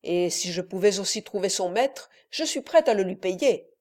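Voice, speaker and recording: A woman voicing a cheerful, hungry young peasant man in a storybook reading, speaking loudly and with gusto. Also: medium pitch, animated, moderate pace, close to an everyday voice. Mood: chatty. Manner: loud, exclaiming, jovial.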